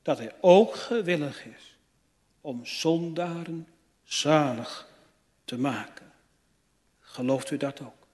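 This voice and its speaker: Male preacher, rather high voice, slow and emphatic delivery of a sermon, recorded with long church-hall echo. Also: lively intonation, darkish tone. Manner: slow, emphatic preaching with rising fervent appeals.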